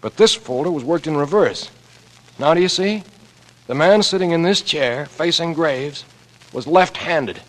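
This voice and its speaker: An actor voices an earnest, anxious young American turned amateur detective in a 1940s radio drama, and the old recording is noisy. His voice is on the high side with lively intonation and an unhurried pace, yet his deductive phrases come out terse and clipped. He sounds intent as he explains.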